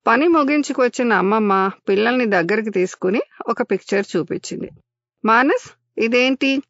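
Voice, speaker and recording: An older woman hosting a storytelling podcast, narrating children's tales in a lively way and voicing the characters. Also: medium pitch, brisk, no room sound, lo-fi sound.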